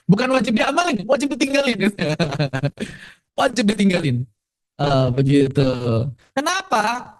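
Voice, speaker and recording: A man with an Indonesian accent teaching Quran recitation in a casual lecture, asking the class questions and slowing down to demonstrate words. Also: high-pitched. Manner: lively, asks the audience questions; slows right down to demonstrate recitation.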